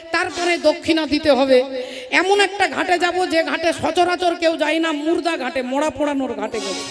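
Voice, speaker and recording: A woman performing a Bengali kirtan, telling a devotional story to devotees in an animated storytelling manner. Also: very high voice. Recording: reverberant stage hall with music.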